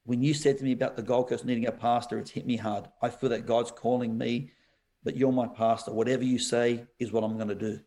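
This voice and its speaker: A man, a pastor telling a personal story in a podcast interview, animated and quick to laugh. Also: mid-range voice. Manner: animated storyteller, laughs often, says "bro".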